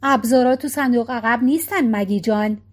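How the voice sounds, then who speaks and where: A woman's voice: on the high side, close to an everyday voice. A woman reading a storybook voicing an impatient middle-aged husband who keeps asking pointed questions. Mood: exasperated.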